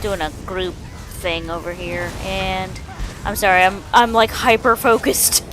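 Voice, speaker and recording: A woman's voice: medium pitch, fairly even intonation, unhurried, a bit bright, a little hiss or hum, poor audio. A woman chatting casually while busy in a group game, sounding distracted and apologetic. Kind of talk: casual chat.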